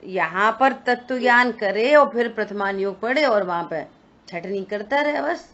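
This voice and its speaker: A woman's voice: medium pitch, animated, a little slow, fairly bright tone. A woman teaching a scripture study session, explaining points and answering her own questions. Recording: dull lo-fi recording.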